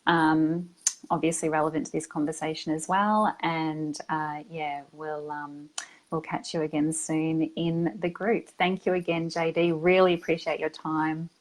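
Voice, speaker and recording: A woman with a low voice hosts a live online interview. She speaks in a soothing, calm way and is warmly effusive in her thanks. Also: measured pace, poor audio. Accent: non-American English. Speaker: host. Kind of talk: livestream interview.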